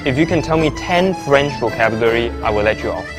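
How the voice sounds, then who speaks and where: A man's voice: medium pitch, expressive, brisk. A man playing a patient teacher in a comedy sketch, leading the class through words to repeat. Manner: patient, instructing, leads repetitions. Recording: background music under speech.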